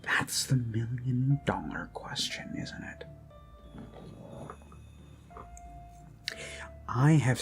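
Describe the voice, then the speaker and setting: A man with a mid-range voice performs an intimate ASMR monologue as a lovesick yandere kidnapper, a gushing, menacing, self-abasing zealot. The mood is adoring and gushing as he speaks slowly and haltingly, sliding from hushed murmurs to pointed emphasis. Music sits beneath his close voice.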